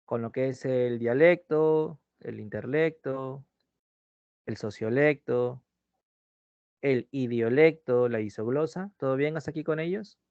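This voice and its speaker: A man's voice: medium pitch, a little slow, no room sound. A man giving an online pre-university language class, often repeating his key phrases and checking in with "¿sí?". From Peru. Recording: dull, dry lo-fi mic sound.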